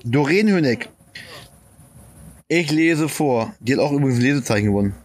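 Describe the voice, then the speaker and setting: A man co-hosting a podcast outdoors, telling and reading jokes aloud, animated and quick to laugh. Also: medium pitch. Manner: animated joke-teller, breaks off laughing. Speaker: podcast co-host. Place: outdoors on a country estate.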